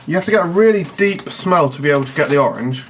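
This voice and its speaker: A man's voice: fairly high pitch, animated, quick pace. A man giving a casual product review in a blunt, picky, analytical manner. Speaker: snack reviewer. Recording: noticeable background noise.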